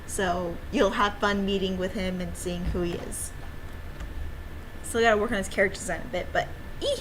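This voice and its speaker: Playful and rambling, this livestreaming woman, who also makes games as an amateur, drops cutesy exclamations while chatting. She speaks at medium pitch with a steady tone and normal speed, over clear background noise.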